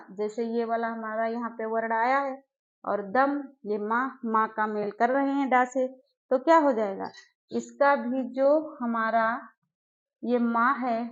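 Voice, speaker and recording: Slow-paced woman teaching grammar drills. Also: a little high. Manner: slow, drawn-out syllable drills with repeated questions. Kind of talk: exam-prep grammar lesson. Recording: dull lo-fi recording.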